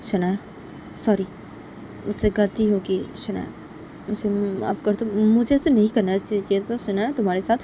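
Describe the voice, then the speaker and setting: A woman's voice: medium pitch, steady tone, moderate pace, background noise, lightly acted. A woman voicing a remorseful young woman who keeps pleading for forgiveness. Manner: pleading, repeating the other's name.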